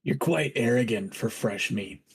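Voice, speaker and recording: A man's voice: mid-range voice, animated, a little slow, creaky, slightly rough, exaggerated voice. A man voicing a proud, menacing bird creature in a tabletop game, imperious and confrontational.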